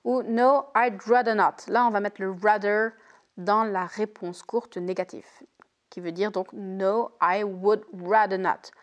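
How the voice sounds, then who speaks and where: Slow, careful woman teacher. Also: mid-range voice, steady tone. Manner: slow, careful, repeats English example phrases clearly. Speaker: English teacher. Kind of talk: recorded language lesson.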